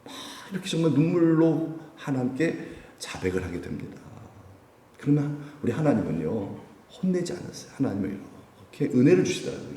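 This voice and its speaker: A man in his fifties preaching a sermon at a Wednesday prayer meeting, conversational, with rhetorical questions and sudden jumps in pitch. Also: dark tone. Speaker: pastor. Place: church sanctuary. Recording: echoey church hall, mic from a distance.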